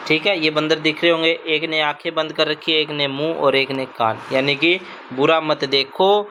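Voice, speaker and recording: A man's voice: a little high, fairly even intonation, normal speed, bright, forceful tone, a little hiss or hum. Patient male teacher reading a children's lesson. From Punjab. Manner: patient, repeats "ठीक है बच्चों" often. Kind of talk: classroom lesson narration for children.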